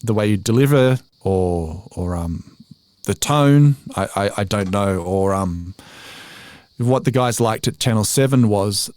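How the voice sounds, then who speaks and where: A slightly mellow, lowish male voice moves at a measured pace. He's an Australian voiceover artist in his forties, casually chatting as a podcast guest, self-deprecating and full of laughs and restarts.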